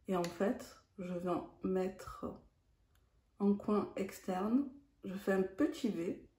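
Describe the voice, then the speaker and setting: A woman walks her viewers through a makeup routine in a slow, calm, step-by-step way. Her tone is warm and mellow rather than bright. The room around her rings with a noticeable echo. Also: mid-range voice. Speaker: beauty vlogger. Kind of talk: makeup tutorial narration.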